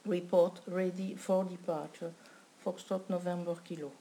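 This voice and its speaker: A woman speaking as a student pilot practising air traffic control radio calls, halting and unsure through the set phrases. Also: fairly low pitch, little pitch movement, warm tone.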